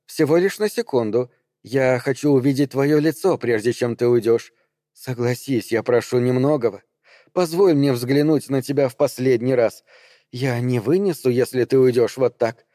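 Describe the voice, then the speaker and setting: A man's voice: mid-range voice, normal speed, dark tone, dry recording, studio quality, lightly acted. A man voicing a scheming, seductive woman who pleads, coaxes and wheedles in an audiobook reading. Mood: tearful pleading. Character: seductive scheming woman, ageless former ruler of the house.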